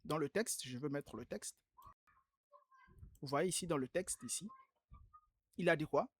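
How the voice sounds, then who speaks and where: A man's voice: fairly high pitch, unhurried, husky, dry recording. Patient man correcting homework aloud. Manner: patient, repeats key points emphatically. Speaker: Arabic teacher. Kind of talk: online class, correcting homework.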